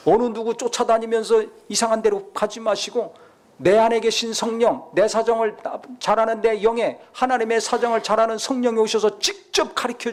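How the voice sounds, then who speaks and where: High-voiced man preaching a dramatic sermon. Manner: rhetorical questions, dramatic preaching. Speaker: pastor.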